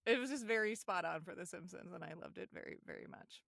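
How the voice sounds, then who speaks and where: Relaxed, laughing woman podcast co-host. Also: fairly low pitch, fast, vocal fry, dry recording, clean studio sound. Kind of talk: casual podcast chat.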